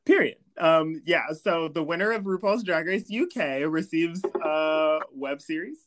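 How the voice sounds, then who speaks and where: A man's voice: a little high, measured pace, a bit bright, a little hiss or hum. A man hosting a podcast, recapping an episode in an easygoing way and giggling often. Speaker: podcast host. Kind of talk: casual recap chat.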